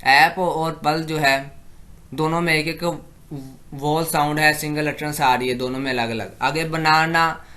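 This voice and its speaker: A man giving an exam-prep lecture, explaining in Hindi-Urdu and reading English definitions slowly and deliberately. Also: on the high side, fairly even intonation, sharp tone. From Pakistan.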